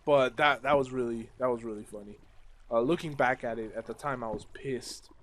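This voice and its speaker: A man's voice: mid-range voice, brisk, a bit bright, a little hiss or hum. A young man chatting casually at home while playing a game, rambling and restarting sentences as he tells stories and answers viewer questions. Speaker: gaming vlogger.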